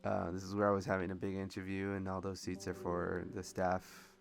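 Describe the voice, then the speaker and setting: A man's voice: sits low, monotone, fairly quick, vocal fry, faint music behind. A man doing casual, rambling commentary over video game footage and laughing often. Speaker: gameplay commentator.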